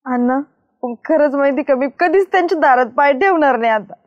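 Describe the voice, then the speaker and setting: A woman's voice: high-pitched, fairly quick, no echo, lo-fi sound. A woman with a rural Maharashtrian Marathi accent, playing a hurt young village woman who speaks tearfully. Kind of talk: village family drama acting.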